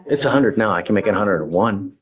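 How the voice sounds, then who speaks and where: A man's voice: on the low side, animated, fast talker. A male judge presiding over a hearing in a courtroom, plain-spoken and conversational, with a joking side.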